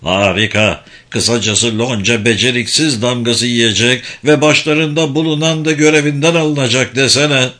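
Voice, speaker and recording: A man's voice: medium pitch, moderate pace, hardly any pauses, pushed and bright, close to an everyday voice. A man voicing a brutal, greedy army commander who talks in a brusque, gloating way.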